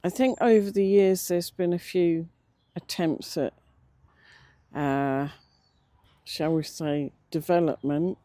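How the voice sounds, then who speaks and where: Older English casual vlogger, medium pitch, relaxed timbre, slightly toothless diction, reflective and hesitant. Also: no room sound. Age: middle-aged or older. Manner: slightly slurred toothless speech, stumbles on words; hesitant, reflective, with many pauses. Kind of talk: casual unscripted vlog narration. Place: outdoors, sitting in a cemetery beside a road.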